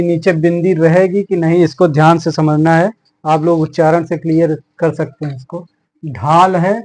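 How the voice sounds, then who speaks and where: A man's voice: on the high side, darkish tone, rough recording. A man teaching a Hindi grammar class for exam preparation, explaining spellings word by word and often checking in with his students. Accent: Hindi, Uttar Pradesh. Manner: slow, explaining words one by one with repeated "theek hai". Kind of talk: exam-prep lesson.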